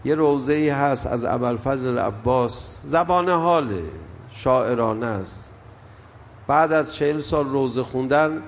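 Older man, gravelly voice, storytelling mourning sermon with rising and falling intensity, recorded with a faint hiss behind. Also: medium pitch. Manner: storytelling, swells and drops in intensity. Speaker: preacher reciting mourning elegy. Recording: long hall reverb, faint background noise.

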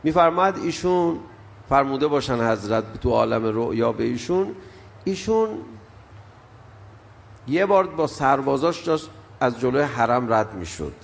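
A man's voice: medium pitch, expressive, vocal fry, long pauses. An older man preaching an emotional mourning sermon, telling stories that swell and drop in intensity. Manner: storytelling, swells and drops in intensity. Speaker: preacher reciting mourning elegy. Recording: long hall reverb, faint background noise.

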